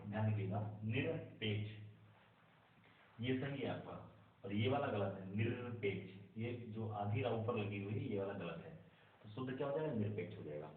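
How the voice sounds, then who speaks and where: A man's voice: on the low side, a little hiss or hum. A man teaching Hindi spelling as a lesson, drilling right and wrong forms of words and often telling students to keep them in mind. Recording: echoey, distant, phone-like sound.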